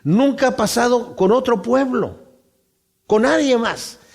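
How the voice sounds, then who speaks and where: A man preaching a Bible-study sermon, speaking emphatically to his congregation and slowing down to read scripture aloud. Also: extremely high pitch, lively intonation. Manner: addresses the congregation directly.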